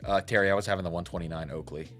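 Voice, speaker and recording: A man's voice: low voice, fairly even intonation, rapid-fire, a bit bright, faint music behind. A man in his thirties hosting a casual livestream tasting, thinking aloud and reacting to chat. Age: 30s. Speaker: host.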